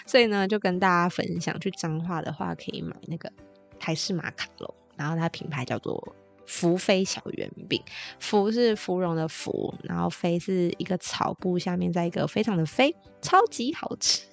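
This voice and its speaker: Podcast host: young Taiwanese-accented woman, playful chatty storyteller, some vocal fry, faint music underneath. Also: fairly low pitch, normal speed. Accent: Taiwanese Mandarin. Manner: chatty, playful, exaggerated retelling.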